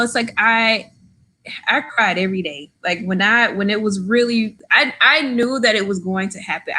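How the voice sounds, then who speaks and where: With a medium-pitched, pushed and bright voice, a woman in her thirties from Florida tells her story as a podcast guest. She's chatty and casual, sprinkling in plenty of "like" and "right?".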